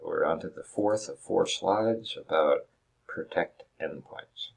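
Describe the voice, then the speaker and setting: A man's voice: deep voice, slow, gravelly. A man teaching a recorded lecture over slides, explaining step by step with frequent restarts and rhetorical questions. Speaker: instructor.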